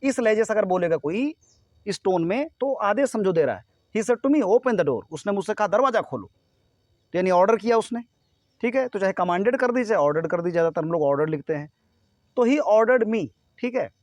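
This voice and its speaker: A man with a high voice teaches a grammar lesson to students. He explains step by step and keeps checking that they follow. The sound is close and dry, with almost no room. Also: lively intonation, fairly quick, no room sound.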